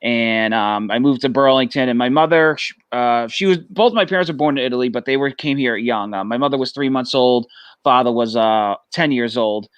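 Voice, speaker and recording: A man's voice: medium pitch, clear, resonant tone, dry recording. A young man with a thick Boston accent, chatting casually as a guest on a video call with plenty of fillers. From Massachusetts, USA. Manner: easygoing, halting with fillers. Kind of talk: casual chat.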